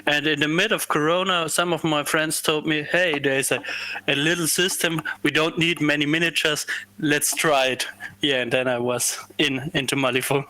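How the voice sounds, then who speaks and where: Bright-voiced man from Austria. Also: a little high, steady tone, moderate pace, no echo, rough recording. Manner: simple phrasing, storytelling. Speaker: guest player. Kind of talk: casual gaming discussion.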